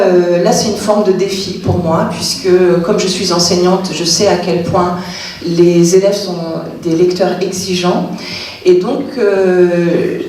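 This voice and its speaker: A woman's voice: on the low side, a little mellow, slight background noise. A woman author speaking at a public literary talk, hesitant, with many fillers and restarts. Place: cultural centre hall. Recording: echoey hall from far off.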